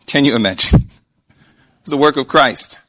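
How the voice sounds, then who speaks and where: A man preaching a sermon, emphatic, often asking his listeners questions and slowing down to stretch key words. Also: medium pitch, a bit bright. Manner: emphatic, asks the audience questions.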